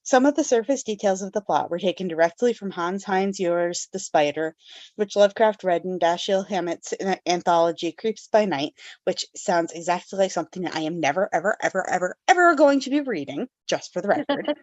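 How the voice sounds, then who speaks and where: A woman's voice: on the low side, a little fast, a little mellow, dry recording, muffled recording. A woman hosting a casual book club podcast, reading background notes and then summarizing the story with fillers and laughs. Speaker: podcast host.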